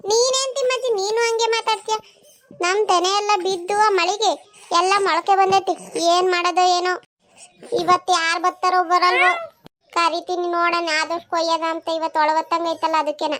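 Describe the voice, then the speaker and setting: A woman voicing a busy village farm woman in a cartoon, speaking briskly. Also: very high voice, fairly even intonation, fairly bright tone. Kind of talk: cartoon voice acting.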